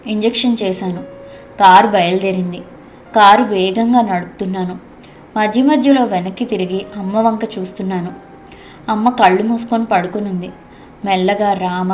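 A woman reading a story aloud in a measured, heartfelt storytelling voice. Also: mid-range voice, a little mellow, slight background noise. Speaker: audiobook narrator. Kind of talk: scripted story narration. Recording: dull, slightly lo-fi recording.

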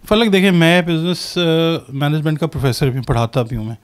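High-voiced Pakistani man explaining. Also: fairly even intonation. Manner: measured, explanatory, peppers speech with English terms. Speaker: astrologer and business professor. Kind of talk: interview answers, predictions.

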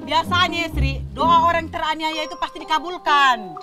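A man's voice: extremely high pitch, fairly even intonation, moderate pace, music in the background. A man voicing a hot-tempered, cursing village woman. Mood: spiteful. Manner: scolding, cursing, blunt Medan-style speech.

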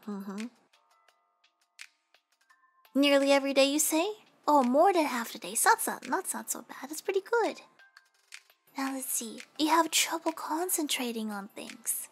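A woman's voice: sits high, animated, measured pace, pauses often, soft background music. A woman playing a teasing young nurse in a casual, joking, rambling comedic role-play. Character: teasing, flippant young female nurse questioning a patient.

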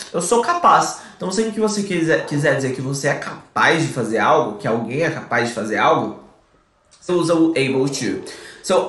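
A Brazilian man teaching English on a live stream, his fairly high voice moving between quick Portuguese explanations and slow, carefully drawn-out English examples. He talks into a desk mic at home, and the room around him rings with echo. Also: fairly bright tone. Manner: explains in Portuguese, models English phrases slowly, reads chat aloud. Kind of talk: live online English lesson. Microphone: desk microphone.

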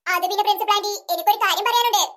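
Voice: extremely high pitch, racing, a bit bright. A voice actor playing bossy little schoolgirls in a cartoon, chirpy and scolding. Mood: wheedling. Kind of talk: cartoon voice acting.

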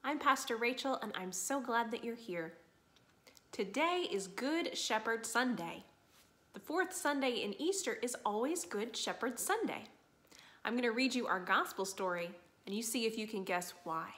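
A woman pastor giving a children's sermon, telling a Bible story with animated, expressive storytelling. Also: on the high side, moderate pace.

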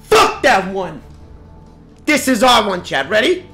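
A man streaming a game, excitable and trash-talking, swearing freely. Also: high voice, slow, faint music behind. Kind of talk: casual gaming stream banter.

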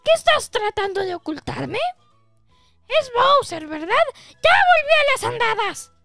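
A woman voicing a fussy little male mushroom retainer from a video game, reading his dialogue aloud with a squeaky, sing-song voice. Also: big pitch swings, measured pace, gravelly, music in the background, full character voice. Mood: fussing.

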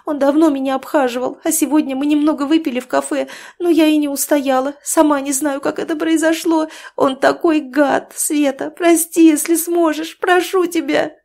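A woman's voice: fairly high pitch, normal speed, darkish tone, voice pushed up, natural voice. A woman reading an audiobook, voicing a scheming, sarcastic young woman who taunts her lover. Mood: sobbing.

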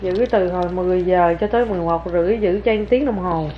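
A woman's voice: lowish voice, fast, highs cut off, a little hiss or hum. A young woman, a mother talking casually to camera while coaxing her toddler at home. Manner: chatty, coaxing, sing-song talk to a child. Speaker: vlogger, mother.

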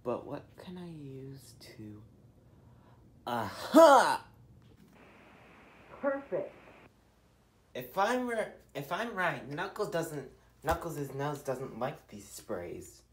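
A sneaky young hedgehog, voiced by a woman in a homemade plush toy show, muttering his plans in a hushed, scheming voice. He talks slowly to himself, with his pitch dipping and rising. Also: very animated, a little hiss or hum, heavily acted.

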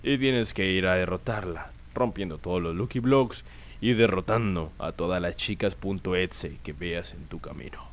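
A man playing a mission giver who briefs the hero in a calm, serious way. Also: deep voice, normal speed. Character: deep-voiced man giving missions.

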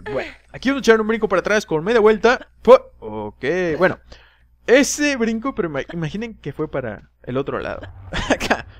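Excitable man narrating his gameplay. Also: sits high. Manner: excitable, shouts at enemies, jokes about own mistakes. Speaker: gameplay guide host. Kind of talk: video game walkthrough commentary.

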